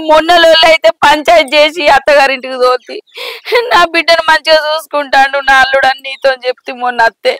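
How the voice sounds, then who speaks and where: Woman with Telangana accent, high voice, acting as a weeping middle-aged mother, cursing, dry close sound. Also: creaky, pushed and bright, dry recording, exaggerated voice, rough recording. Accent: Telangana Telugu. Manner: sobbing, lamenting, heaping curses. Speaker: actor in a village skit. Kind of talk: village drama acting.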